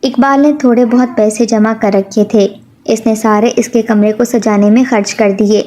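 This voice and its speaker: Mellow woman telling an emotional story. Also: a little high, steady tone. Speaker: narrator. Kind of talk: storybook narration.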